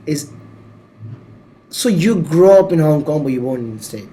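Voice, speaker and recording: A man's voice: fairly high pitch, animated, moderate pace, dark tone. A man hosting a podcast in casual chat, repeating words and phrasing things loosely. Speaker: podcast host.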